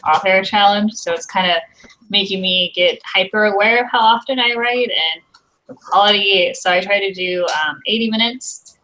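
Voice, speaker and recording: A woman speaks in a bright, mid-pitched voice on a casual video call. She talks hesitantly, with many ums and likes as she finds her words. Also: normal speed, slight background noise, rough recording. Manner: hesitant, many fillers and restarts. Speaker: author guest.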